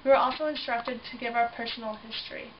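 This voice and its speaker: A woman playing a young survivor of a prison camp, speaking in a solemn, measured way in a mock news interview. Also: on the high side, fairly even intonation, close to an everyday voice. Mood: grave. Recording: dull distant recording with noise.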